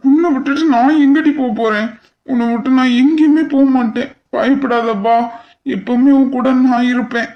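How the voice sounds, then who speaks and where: A woman's voice: high voice, steady tone, moderate pace, muffled recording, close to an everyday voice. Woman voicing a tender, devoted cartoon husband. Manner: tender, reassuring. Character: devoted loving young husband. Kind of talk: cartoon voice acting.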